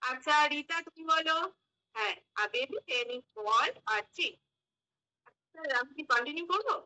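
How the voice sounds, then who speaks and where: A woman runs a demo lesson for young children. She spells English words one letter at a time and asks the class questions before giving the answers. Her voice sits high and sounds very bright. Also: expressive, unhurried, poor audio. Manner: mixes English phrases into the lesson. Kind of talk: mock classroom teaching.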